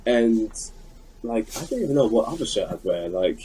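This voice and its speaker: A South London man co-hosting a podcast, rambling through his stories with constant restarts. His voice is low and dark, with a husky edge. His pitch swings lively as he gets animated. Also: normal speed, slight background noise, poor audio. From England. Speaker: podcast co-host. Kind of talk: casual chat.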